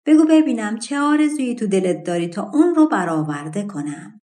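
A woman's voice: mid-range voice, sing-song, warm tone, lightly acted. Woman reading as a generous grateful king. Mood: warm, coaxing. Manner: eager, coaxing questions.

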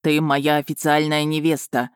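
A woman's voice: low voice, flat delivery, moderate pace, clear, resonant tone, dry recording, clean studio sound, natural voice. A woman voicing a commanding male dragon. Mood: earnest. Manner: curt, clipped, commanding. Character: brooding possessive male dragon, ancient. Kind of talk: audiobook reading.

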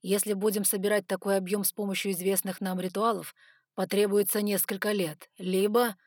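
A cold, reserved ice elder, as a woman reads him speaks gravely in a storybook audiobook. His middling voice comes across dry and close to the mic. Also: mid-range voice, level tone, a little fast, darkish tone, no room sound, natural voice.

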